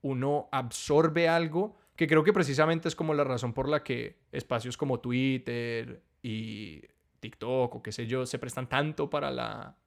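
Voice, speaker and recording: A man's voice: mid-range voice, fairly even intonation, measured pace, creaky. Reflective man hosting a casual talk. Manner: reflective, thinking aloud with restarts. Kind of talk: casual conversation.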